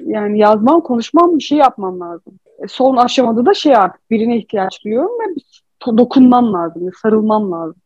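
Candid female co-host, higher-pitched and breathy, dry dull recording. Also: very animated, moderate pace, a little mellow, no echo. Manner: candid, emotional storytelling. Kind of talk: casual confessional chat.

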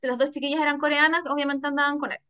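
A Chilean woman telling a story on a casual podcast chat, animated and slangy, laughing often. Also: high voice, rapid-fire, no echo. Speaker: podcast co-host.

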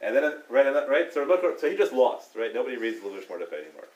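A Torah teacher with a medium-pitched, slightly mellow voice and wide pitch swings leads a loose, conversational Talmud class, heard through a muffled recording. He keeps adding "right?" to his points, restarts quickly, and chuckles along the way.

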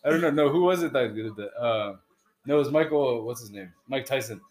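A man co-hosting a casual podcast, swearing and laughing, swinging from loud bursts to low mutters. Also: brisk. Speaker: podcast co-host.

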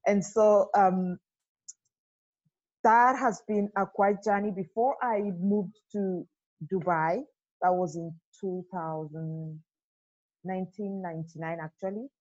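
A woman's voice: medium pitch, fairly even intonation, takes it slowly, a little mellow, muffled recording. A woman in her forties from Kenya, a podcast guest talking earnestly and reflectively, with many fillers. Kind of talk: casual interview.

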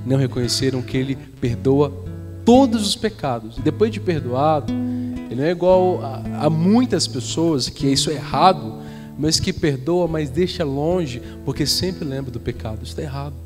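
Brazilian pastor preaching, kinda high voice, repeats stuff for emphasis, soft guitar in back. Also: male voice, lively intonation, moderate pace, in a large hall. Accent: Brazilian Portuguese. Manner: emphatic, repeats phrases for weight. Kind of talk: sermon with storytelling. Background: soft guitar from the worship band.

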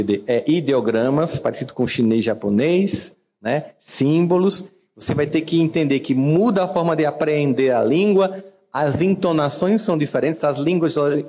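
A man's voice: darkish tone, long reverb tail. A man with a Brazilian Portuguese accent hosting a reflective motivational talk, conversational and asking his listeners questions. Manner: conversational, asks listeners questions, wide swings in pitch. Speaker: podcast host and teacher.

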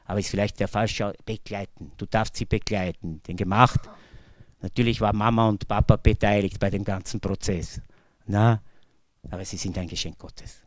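A man's voice: fairly even intonation, normal speed, no echo. Earnest Austrian man, dry close sound. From Bucklige Welt, Lower Austria. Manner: earnest, swings between loud emphasis and hushed low tones. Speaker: speaker from a faith-based recovery community. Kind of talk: personal testimony talk to an audience.

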